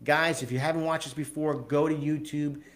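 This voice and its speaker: A man's voice: a little high, steady tone, brisk. A man hosting a live video podcast, upbeat and chatty, often stumbling over words and repeating himself. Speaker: podcast host.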